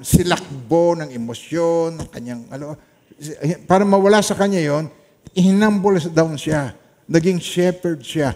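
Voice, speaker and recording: A middle-aged man with a Filipino accent, preaching a sermon in a storytelling way and mixing in English phrases, his volume swinging from loud emphasis to quiet trailing lines. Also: on the high side. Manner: mixes Tagalog with English, storytelling, soft-spoken asides. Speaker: pastor.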